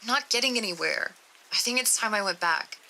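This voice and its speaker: A woman's voice: fairly high pitch, lively intonation, fairly quick, pushed and bright, a little hiss or hum, voice pushed up, heavily acted, poor audio. A woman voicing a young female test subject, nervous and easily grossed out, talking in a raised, exclaiming voice during a creepy story reading. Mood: wary. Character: young woman test subject descending endless stairs, scared and disgusted.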